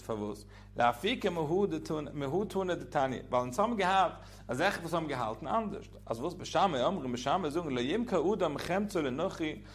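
High-voiced man teaching religious law.

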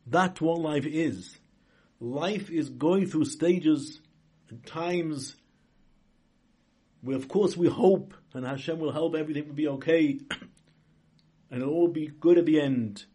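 A man speaking as a rabbi in an informal sermon, halting and rephrasing as he goes, with emphatic stresses. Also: fairly high pitch, mellow, husky. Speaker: rabbi giving a religious talk. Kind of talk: informal sermon, inspirational religious lesson.

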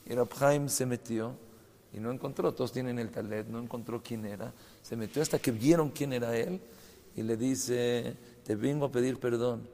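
Gravelly-voiced rabbi teaching in a hall. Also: male voice, medium pitch, moderate pace. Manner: animated storytelling, sudden loud bursts. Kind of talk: Torah lesson with stories. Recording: long reverb hall, faint ambient noise.

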